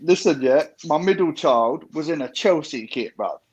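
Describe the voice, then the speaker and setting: A man's voice: on the high side, animated, moderate pace, a little mellow, breathy edge. A man chatting casually on a football fan podcast, telling stories in slang and often checking that listeners follow. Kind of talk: casual chat.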